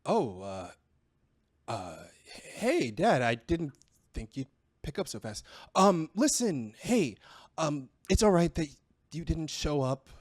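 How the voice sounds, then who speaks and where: A man's voice: fairly high pitch, sing-song, pitched above the performer's own voice, heavily acted. A man playing a nervous young party host. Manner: stammering, halting. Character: young male student brewer, eager and nervous.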